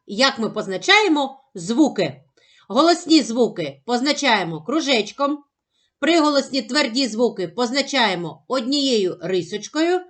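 A woman teaching a phonics lesson to young children, sounding out syllables slowly and carefully. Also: a little high, fairly bright tone. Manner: slow, careful, over-articulated sounding out of syllables.

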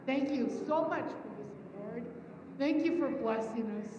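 A woman's voice: on the high side, moderate pace. A middle-aged woman giving an emotional, heartfelt thank-you speech and telling a story as a mother. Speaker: award recipient's mother. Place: banquet hall stage, indoors. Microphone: handheld microphone through PA. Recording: distant echoey hall, muffled, noisy.

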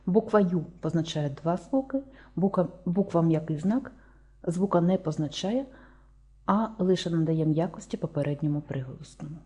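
A woman with a Ukrainian accent giving a slow, deliberate lesson, spelling out sounds one by one. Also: on the low side, expressive, warm tone, slightly rough. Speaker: teacher.

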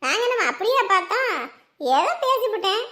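A fierce elderly aunt, loud and scolding, very high voice, family drama. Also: female voice, expressive, fairly quick, exaggerated voice. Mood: accusing. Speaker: protective aunt. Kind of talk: Tamil family drama acting.

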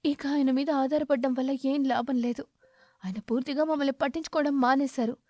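A woman's voice: high voice, fairly even intonation, fairly quick, dark tone, no echo, studio quality, close to an everyday voice. A woman voicing a poor, devoted mother sparrow who speaks earnestly and pleads.

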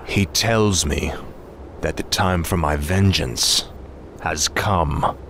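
An actor playing a righteous, grim young human warrior prince in a fantasy video game, solemn and declamatory. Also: male voice, extremely low pitch, takes it slowly, gravelly, background noise, heavily acted. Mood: cold, vengeful. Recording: loud game music and battle crashes.

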